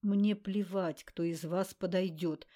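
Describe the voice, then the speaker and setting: A woman voicing an exhausted young woman judge who speaks weakly and hoarsely. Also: on the low side, moderate pace, dark tone, natural voice. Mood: weary. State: weak, hoarse.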